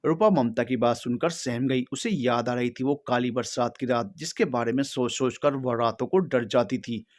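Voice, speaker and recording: A man's voice: medium pitch, moderate pace. Solemn male storyteller. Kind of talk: scripted story narration.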